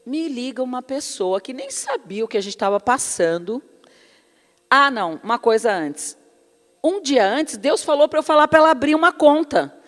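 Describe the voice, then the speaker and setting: A woman's voice: high voice, expressive, moderate pace, a bit bright, long reverb tail. A woman preaching a sermon with personal testimony, fervent and calling her listeners brothers and beloved.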